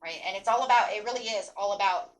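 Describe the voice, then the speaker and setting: A woman's voice: medium pitch, fast talker. A woman speaking as a fortune teller, giving a spontaneous, rambling and encouraging tarot reading, often checking in with "right?" and "you know". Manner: encouraging, affirming. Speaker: tarot card reader hosting a reading.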